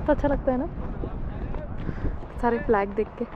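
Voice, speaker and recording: A woman vlogging outdoors at a memorial site, explaining slowly with pauses. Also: a little high, phone-quality sound, background noise. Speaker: travel vlogger. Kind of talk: casual travel vlog commentary.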